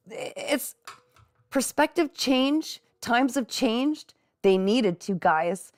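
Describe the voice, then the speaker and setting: Middle-aged woman chatting on a live stream at home, reading comments, upbeat and encouraging, middle pitch, dry close sound. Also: dry recording. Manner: chatty and encouraging, frequent laughs, talks straight to viewers as "guys". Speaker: livestream host and psychic reader. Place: at home with her dogs.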